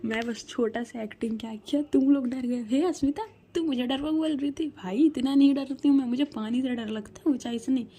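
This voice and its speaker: A woman's voice: sits high, fairly quick, few pauses, warm tone, breathy edge, voice pushed up. A woman voicing a spirited, teasing young female student who turns pleading and apologetic. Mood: playful. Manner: cheeky, then pleading.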